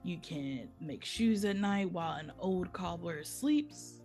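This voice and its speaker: Played by a woman, a proud, chatty elf storyteller addresses the listener in a folksy, wry manner during a live script read with music. Her slightly low voice is slow and exaggerated, with lively intonation, vocal fry and a darkish tone.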